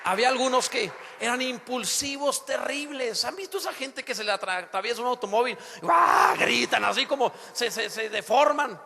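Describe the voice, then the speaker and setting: A man preaching a sermon to his congregation, lively and theatrical, acting out the voices he quotes and breaking into sudden shouts. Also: very high voice, fairly quick, creaky, few pauses, some chatter behind. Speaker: pastor. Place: church sanctuary. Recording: long hall reverb in a church.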